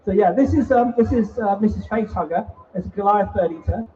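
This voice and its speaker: Jokey man, high voice, distant. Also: brisk, warm tone. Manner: jokey, teasing banter with the crowd. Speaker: bug show presenter. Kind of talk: live show talk to a family audience. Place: indoor event hall. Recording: muffled live stream mic from a distance.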